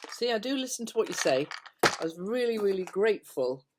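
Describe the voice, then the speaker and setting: An older woman vlogger chats casually to her viewers at home, meandering and hesitant, with phrase endings that trail off softly. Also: mid-range voice, lively intonation, fairly quick, noisy background. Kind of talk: casual rambling chat to camera. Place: at home, indoors.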